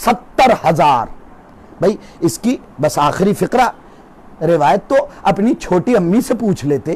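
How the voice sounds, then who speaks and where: A male cleric delivering an impassioned religious sermon with an Indian Urdu accent, moving between quiet storytelling and shouted declamation. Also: animated, measured pace, breathy edge. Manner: oratorical, swings from low storytelling to shouted declamation. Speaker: cleric giving a majlis sermon. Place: gathering hall with a crowd.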